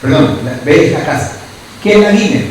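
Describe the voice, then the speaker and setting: A man's voice: fairly high pitch, expressive, normal speed, darkish tone, very echoey, far from the mic, a little hiss or hum, poor audio. A man preaching a sermon as pastor, who keeps asking his listeners short questions. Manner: asks the congregation constant questions.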